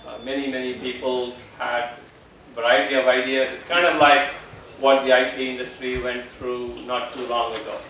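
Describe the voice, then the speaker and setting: A man's voice: medium pitch, moderate pace, recorded from a distance, slight background noise. Man lecturing in an echoey hall. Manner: relaxed, many "uh" fillers. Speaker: guest lecturer. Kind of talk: public lecture.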